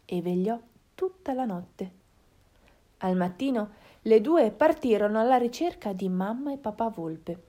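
A woman narrating a children's storybook in a slow, expressive reading. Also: medium pitch.

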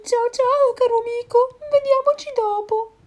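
Frightened owl, shrill, piercing, loud. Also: female voice, steady tone, a little slow.

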